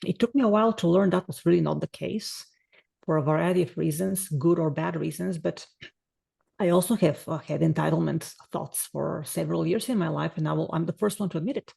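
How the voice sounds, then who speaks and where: Middle-aged woman, gravelly mellow voice, talks fast and sure of herself. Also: sits low. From Bulgaria. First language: Bulgarian. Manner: brisk, assertive, explaining. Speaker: podcast guest. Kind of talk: casual interview talk.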